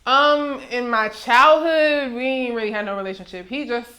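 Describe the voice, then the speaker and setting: A woman's voice: a little high, moderate pace. A woman in her twenties from Maryland, a music artist relaxing into an interview chat in a recording studio and telling her stories with easy laughs. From Maryland, USA. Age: 20s. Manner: relaxed storyteller, laughs easily.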